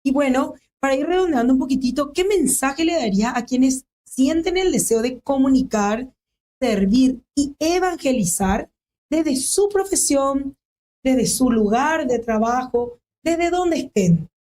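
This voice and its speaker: A woman's voice: sits high, lively intonation, unhurried, mellow, far from the mic. A woman interviewing a priest, mostly agreeing in short replies and asking brief questions. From Paraguay.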